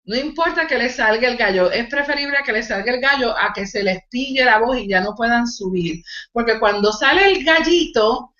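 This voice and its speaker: A woman's voice: a little high, lively intonation, moderate pace, pushed and bright, reverberant, highs cut off. A woman vocal coach teaching a live online singing lesson, explaining technique and demonstrating nasal exercises. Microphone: video call.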